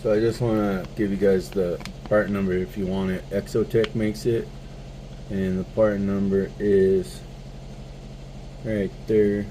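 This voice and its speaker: A man's voice: fairly low pitch, level tone, unhurried, dark tone, slight background noise. A man vlogging a casual model car build walkthrough, just woken up, rambling and searching for words. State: just woke up. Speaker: RC hobby vlogger.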